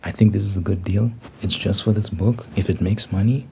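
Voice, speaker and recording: A man in casual, rambling talk, thinking out loud in an informal way. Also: lowish voice, steady tone, a little fast, vocal fry, slight background noise.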